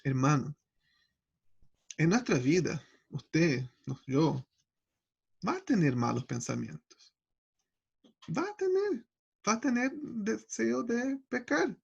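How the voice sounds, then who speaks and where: Gravelly-voiced man teaching a Bible study. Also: high-pitched, sing-song, slow pace, pauses often, dull audio. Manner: earnest personal testimony, acting out his own prayers.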